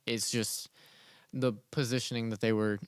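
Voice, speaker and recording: Male esports caster, clear resonant voice, laid-back and chatty, lots of fillers. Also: mid-range voice, moderate pace, no room sound. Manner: relaxed, rambling, filler-heavy. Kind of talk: casual game commentary.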